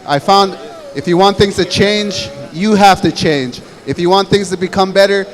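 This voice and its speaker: A man with a distinctly high voice speaks to young men at a powwow. His delivery is earnest and conversational, in the style of a motivational talk built on personal storytelling. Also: moderate pace. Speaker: fancy dancer addressing young men at a powwow.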